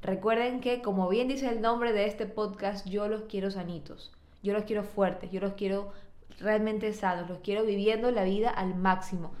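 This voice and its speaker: A woman's voice: medium pitch, fairly even intonation, moderate pace, darkish tone. Chatty upbeat woman in a roomy space. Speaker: nutritionist podcast host. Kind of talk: casual podcast talk.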